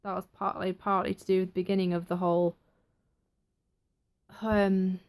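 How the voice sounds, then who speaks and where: Young woman, casual reviewer, chatty and excitable. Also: medium pitch, normal speed. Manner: chatty, excitable, acts out quotes. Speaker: TV episode reviewer.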